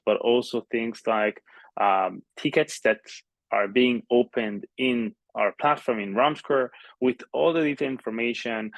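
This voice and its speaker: A man delivers a software sales pitch in a product demo style. His voice sits at a middle pitch in a dry, close sound. He explains step by step, pausing often as he goes. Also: no echo.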